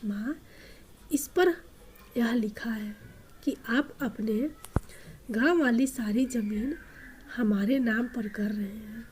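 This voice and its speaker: A woman voicing a scheming adult son who coaxes his mother smoothly. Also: a little high, slow, pauses often, a little mellow, slight background noise.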